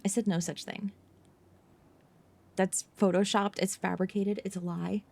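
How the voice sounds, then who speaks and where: A woman chatting casually on an ASMR livestream, with a soft, mellow voice that has a creaky edge. She takes her time, keeps things hushed and often drops into a whisper. Her manner is playful and teasing. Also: mid-range voice, level tone, a little slow. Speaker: livestreamer host.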